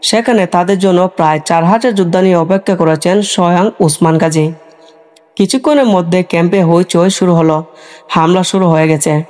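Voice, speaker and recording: Male narrator, high voice, steady scripted storytelling. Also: fairly quick.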